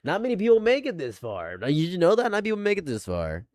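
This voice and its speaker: A man's voice: high voice, huge pitch swings, fast talker, darkish tone, no room sound. A man in his late twenties, a live streamer chatting casually, rambling and repeating himself, laughing often. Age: late 20s.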